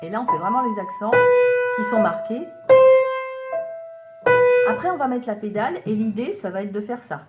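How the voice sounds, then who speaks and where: A woman's voice: medium pitch, lively intonation, normal speed, pauses often. A woman piano teacher giving a patient lesson, counting beats aloud and naming notes and fingerings as she plays. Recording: piano playing loudly behind the voice.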